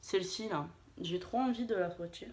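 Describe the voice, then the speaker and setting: A woman's voice: on the low side, moderate pace, a little mellow. A woman chatting casually in a beauty vlog, hesitant, with many fillers and restarts, poking fun at herself. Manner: chatty, self-deprecating. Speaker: beauty vlogger. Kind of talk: casual haul and swatch video. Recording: echoey room.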